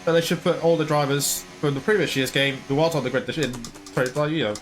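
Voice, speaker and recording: This gaming YouTuber speaks fast in a voice that's a little high. He loosely commentates his own racing play, rambling along and sometimes slipping into a mock broadcast style.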